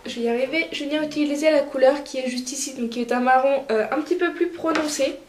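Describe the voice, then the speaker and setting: A woman narrating a makeup tutorial as a vlogger, chatty and relaxed with lots of filler words. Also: sits high, fast. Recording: roomy echoey room, faint music.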